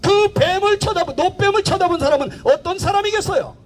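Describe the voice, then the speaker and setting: A man's voice: very high voice, brisk. A man preaching an outdoor evangelistic sermon, emphatic, with many rhetorical questions. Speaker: pastor, street evangelist. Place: outdoor public park.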